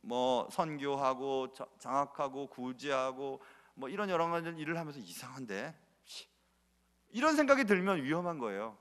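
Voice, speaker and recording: A man's voice: medium pitch, animated, moderate pace, hardly any pauses, a bit bright, smooth. A man pastor preaching a sermon in a church sanctuary, talking emphatically and piling on repeated filler words. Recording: reverberant church hall.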